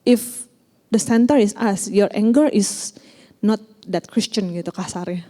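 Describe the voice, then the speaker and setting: A woman's voice: medium pitch, measured pace. A woman giving a casual talk to a group, mixing English phrases into slangy speech full of fillers. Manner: animated when acting out examples. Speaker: church youth leader giving a talk.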